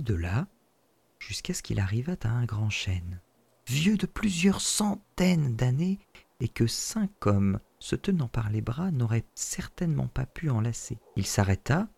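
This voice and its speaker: Storybook narrator, gravelly and husky, dry close sound. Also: male voice, mid-range voice, no echo. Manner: expressive, lively reading. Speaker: storytelling podcast host.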